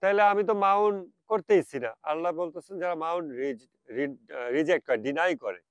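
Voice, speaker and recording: A man with a Bangladeshi Bengali accent gives a reflective religious talk, slipping slow English phrases into his speech. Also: sits high, dry recording. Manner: mixes English phrases, stretches them out slowly. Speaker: speaker.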